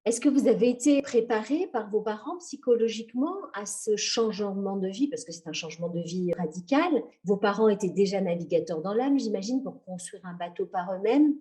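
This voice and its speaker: A woman's voice: mid-range voice, lively intonation, a little fast, hardly any pauses, warm tone. A woman hosting an interview podcast, asking polite, formal questions. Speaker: podcast host.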